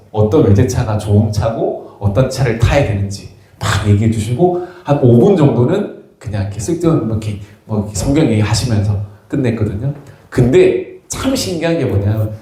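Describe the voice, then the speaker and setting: A male pastor delivers a sermon in a church sanctuary, his pitch swinging widely as he tells teasing, humorous stories. His voice is mellow and dark, and it rings through a very echoey hall. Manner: humorous anecdotal storytelling, teasing the congregation.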